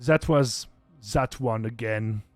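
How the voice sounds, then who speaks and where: A man's voice: medium pitch, takes it slowly, dry recording, faint music behind. A man narrating a tabletop game as game master, casual and rambling, laughing often.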